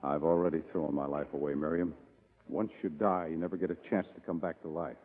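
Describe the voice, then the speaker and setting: A man's voice: a bass voice, fairly even intonation, fairly quick, in a large hall. An actor playing Ken Starr, a bitter, down-and-out former businessman in a 1940s radio drama, speaking sardonically. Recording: tinny old radio broadcast.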